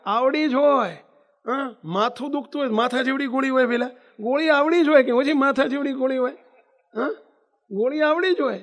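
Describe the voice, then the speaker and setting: A man's voice: very high voice, fairly bright tone. A male preacher, giving a devotional sermon and telling a story, full of emphatic rhetorical questions and pleading repetition. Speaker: religious preacher.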